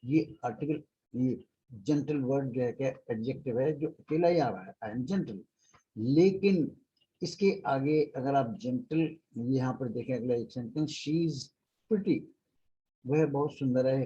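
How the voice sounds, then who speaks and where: An older Indian man with an Indian accent teaches grammar at a very slow, deliberate pace. His voice is deep, dark and mellow, with a husky edge. He repeats example sentences with drawn-out emphasis, and the recording sounds dull and lo-fi. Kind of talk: classroom lesson.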